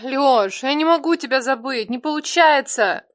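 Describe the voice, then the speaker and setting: A man's voice: extremely high pitch, normal speed, fairly bright tone, dry recording, clean studio sound, voice pushed up. A man putting on a prim, pleading ex-wife. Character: ex-wife, prim, pleading then defiant woman.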